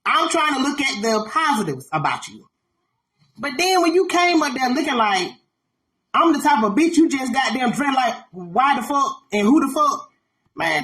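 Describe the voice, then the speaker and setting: Brash, animated woman telling a story. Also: on the high side. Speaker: podcast host. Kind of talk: casual storytelling to an audience.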